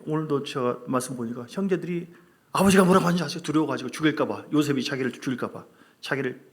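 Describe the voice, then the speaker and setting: A male pastor preaching a lively sermon in a fairly high voice. He talks to the congregation in a conversational way and keeps asking them questions. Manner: animated, acts out quarrels in a loud put-on voice.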